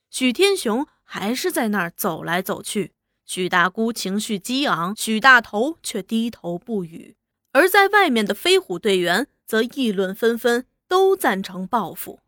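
A woman narrating a novel in an expressive, animated storytelling style. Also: on the high side, unhurried, dry recording, clean studio sound.

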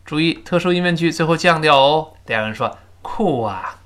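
A man teaching spoken English in a recorded lesson, explaining each phrase and then reading it slowly for repetition. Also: on the high side, expressive, a bit bright.

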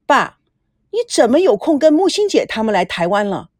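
A woman voicing a young woman TV host who questions her father in a brisk, earnest way. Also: a little high, sing-song, darkish tone, husky, no echo, studio quality. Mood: worried.

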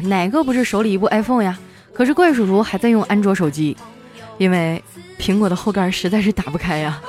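A woman hosting a comedy show, telling scripted joke stories in a lively way and putting on voices for the characters. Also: mid-range voice. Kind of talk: scripted comic storytelling.

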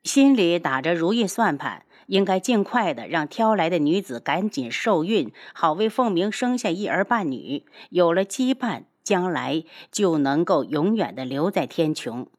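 A woman narrating a novel aloud in an expressive storytelling manner. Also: lowish voice, measured pace, hardly any pauses. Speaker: audiobook narrator.

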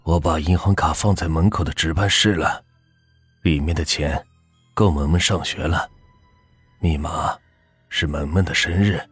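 A man's voice: fairly even intonation, breathy edge, no room sound, soft background music, full character voice. A man doing a broken, guilt-ridden husband. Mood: resigned. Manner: low, slow, hushed and heavy.

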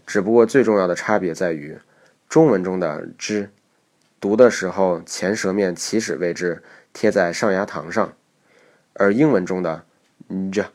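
A man explaining English consonant pronunciation in a measured lesson narration. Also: low voice, a little mellow.

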